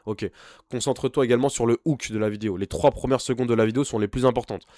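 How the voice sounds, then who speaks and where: A man's voice: mid-range voice, quick pace, dark tone, dry recording. Blunt young man coaching in a dry voice. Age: young adult. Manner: blunt, pushy, talks straight at the viewer. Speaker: online business coach. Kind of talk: informal screen-share tutorial.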